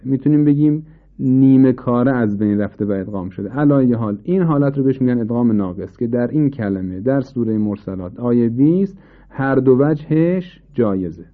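Male tajweed teacher, formal and explanatory, mid-pitched voice, lo-fi narrow sound. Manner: patient, explanatory, slows down to demonstrate pronunciation. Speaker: Quran recitation teacher. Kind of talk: formal lesson on tajweed rules. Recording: tinny phone-like sound.

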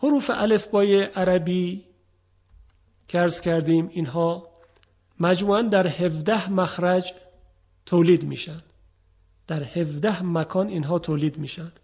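Man, Quran recitation teacher, high voice, husky, patient explaining, radio lesson. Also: fairly even intonation, pauses often, a little mellow. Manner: patient, explanatory, addresses listeners directly.

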